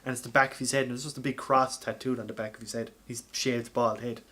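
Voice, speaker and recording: Speaking fast at medium pitch, an Irish man co-hosts a film podcast in a flat but pushed, bright voice. He tells movie stories with animated, casual energy and plenty of swearing.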